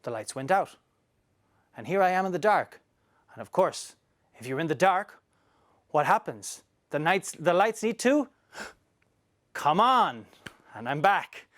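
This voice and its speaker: A man giving a scripted comic monologue in a theatrical, deliberate way. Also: a little high, sing-song, a bit bright, dry recording, studio quality.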